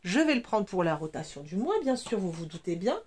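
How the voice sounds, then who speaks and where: This woman's voice is fairly low, sing-song, a bit fast and slightly mellow, with a little hiss or hum in the recording. She is a beauty vlogger in her forties, sniffling slightly as she chats eagerly about her makeup products with plenty of fillers.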